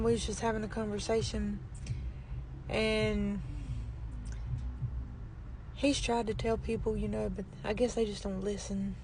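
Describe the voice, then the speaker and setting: Weak, barely audible chatty woman, noisy recording. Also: darkish tone. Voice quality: weak, low-volume voice, barely projecting. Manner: chatty, plain-spoken, folksy. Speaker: vlogger. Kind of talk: casual chat.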